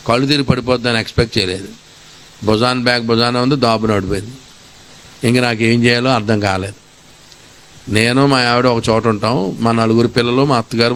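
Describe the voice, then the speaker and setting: A middle-aged male pastor tells his testimony in an animated, storytelling way. He acts out his own prayers and conversations. He drops English phrases into his speech, with a faint hiss of noise behind him. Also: mid-range voice.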